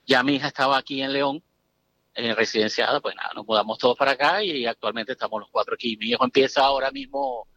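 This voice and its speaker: A man's voice: medium pitch, lively intonation, fast, gravelly, pushed and bright, no echo, poor audio. A middle-aged man from Venezuela, telling his story as a guest in a casual, emphatic interview chat.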